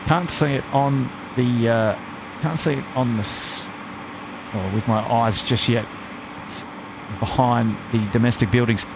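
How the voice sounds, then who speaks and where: A man's voice: mid-range voice, fairly even intonation, unhurried, background noise. A man hosting a live stream with casual, matey, rambling plane-spotting commentary and frequent hesitations.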